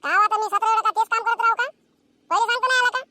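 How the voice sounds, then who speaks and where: Woman doing a tiny squeaky cartoon village kid, whiny backtalk, bright and quick. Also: steady tone, full character voice. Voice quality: whiny, talking back. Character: lazy cheeky village teenage son, phone-obsessed. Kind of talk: cartoon comedy dialogue.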